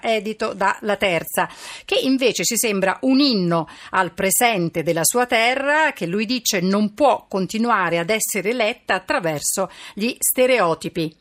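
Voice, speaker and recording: Female radio host, mid-range voice, measured interview questions. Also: mid-range voice, a bit bright.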